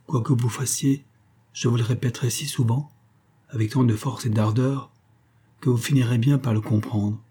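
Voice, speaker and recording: A man's voice: mid-range voice, steady tone, moderate pace, mellow, breathy edge, close to an everyday voice. A man reading an audiobook, voicing an ardent young man who murmurs passionate declarations. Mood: fervent.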